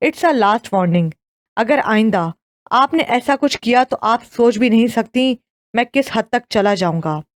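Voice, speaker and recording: A woman's voice: a little high, animated, lightly acted. A woman voicing a furious young man. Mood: threatening. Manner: cold threatening warning.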